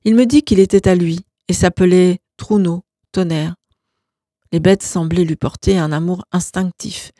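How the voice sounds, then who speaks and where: A woman reading a novel aloud as narrator, in calm, even storytelling. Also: lowish voice, a little slow, no room sound, studio quality. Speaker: audiobook narrator.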